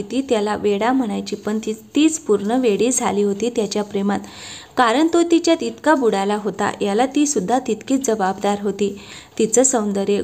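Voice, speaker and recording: A woman narrating a romantic story in a soft, steady storytelling manner. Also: medium pitch.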